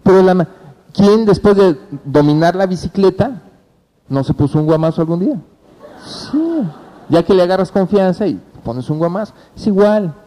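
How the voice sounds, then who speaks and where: A man with a Mexican accent leads a motivational business training in a slightly high, mellow voice. He is animated and tells stories, turning to his audience again and again to urge them on. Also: normal speed, rough recording. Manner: animated storytelling, addresses the audience directly and acts out phone calls.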